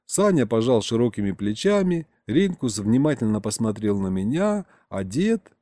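A man narrating an audiobook in the first person with a lively, expressive delivery. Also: medium pitch, dry recording, studio quality.

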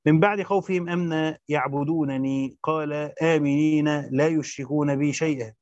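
A man reading a Quran commentary aloud as a teacher, rushing through the text and stopping for short explanations. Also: on the high side, steady tone, darkish tone, no echo, muffled recording. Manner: rapid recitation with brief spoken explanations.

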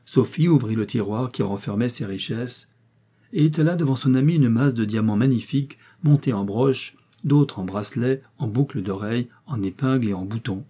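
A man reading a classic novel aloud in measured audiobook narration. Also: medium pitch, mellow, breathy edge. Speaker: audiobook reader.

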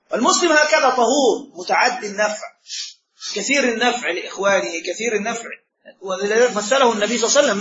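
Male sheikh, quick-paced religious teacher who quizzes his listeners; roomy, lo-fi recording. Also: very high-pitched, fairly bright tone. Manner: asks the audience rhetorical check questions. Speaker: sheikh teaching Islamic law. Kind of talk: religious lesson. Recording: roomy, dull lo-fi sound.

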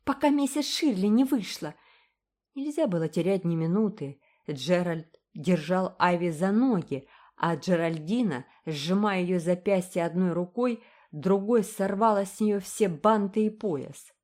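A woman narrating a storybook in a lively, expressive reading voice. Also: on the low side, a little slow, few pauses. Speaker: audiobook reader.

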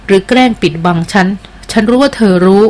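A daring young heroine who teases and insists, pushing hard for the truth, as a woman reads her part. The voice sits at an ordinary middle pitch, plainly read from a storybook. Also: animated, brisk, natural voice. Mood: insistent. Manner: teasing and insistent. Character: bold, playful young woman demanding answers. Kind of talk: audiobook character reading.

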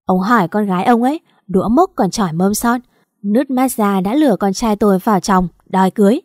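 A woman voicing a wealthy woman in her forties who shouts, curses and scolds scornfully in an audio story. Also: medium pitch, a little fast, no room sound, clean studio sound, lightly acted. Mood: scolding. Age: 40s. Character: shrill furious wealthy older woman.

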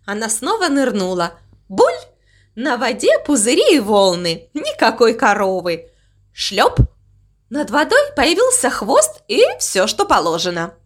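A woman narrating a children's storybook in an expressive, animated way. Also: a little high, normal speed, few pauses. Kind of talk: storybook reading.

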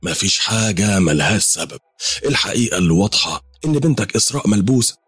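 An older Egyptian neighbor woman in a horror storybook, insistent and lecturing, as a male narrator voices her. Her voice stays low and husky, lively in its rise and fall, with a dry sound. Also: fast, dry recording, soft background music. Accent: Egyptian Arabic.

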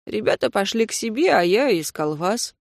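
A woman's voice: mid-range voice, sing-song, moderate pace, no echo, clean studio sound. Woman playing a blunt young man. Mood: candid. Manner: gruff, curt and matter-of-fact. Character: young male student, blunt and steady. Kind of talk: audiobook character voice.

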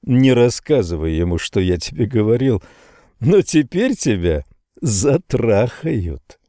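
A male audiobook reader voicing a calm, cynical colleague on a trading floor, speaking matter-of-factly. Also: lowish voice, slow, no room sound, studio quality. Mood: melancholy. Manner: flat, matter-of-fact delivery.

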